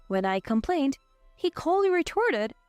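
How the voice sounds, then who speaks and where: A young woman in her twenties tells a first-person story in a scripted, even, steady way. Her voice is fairly high and close to the mic, with a dry sound and soft music playing behind her. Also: unhurried, dry recording, lo-fi sound. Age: 20s. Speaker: narrator.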